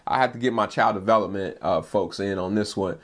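A man's voice: fairly low pitch, brisk, fairly bright tone. A man preaching as a pastor in a personal, conversational teaching style, informally peppering his points with "like" and "right?". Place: home basement playroom.

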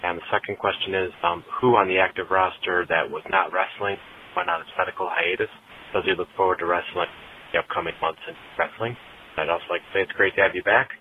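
A man's voice: sits low, steady tone, fast talker, a little hiss or hum. A man leaving a polite, formal voicemail over a phone line, reading out prepared questions. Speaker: voicemail caller.

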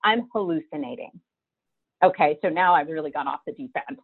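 A woman's voice: low-pitched, lively intonation, fairly quick, husky. A middle-aged woman telling her own story as a guest, vivid and emotional, acting out what she thought back then. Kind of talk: personal storytelling. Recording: tinny phone-like line.

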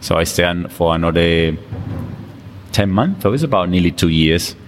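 A Colombian fitness coach, a guest in a casual interview at a gym, speaks English with a Colombian Spanish accent, chatting easily and laughing often. His voice is low and expressive at a normal speed. The recording has long reverb and faint background noise.

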